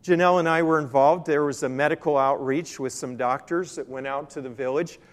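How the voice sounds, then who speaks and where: An older man with a slightly high, steady voice gives an earnest but somewhat halting slide talk to a church group. He is a missionary Bible translation consultant presenting in public, and the large hall adds long, echoing reverb.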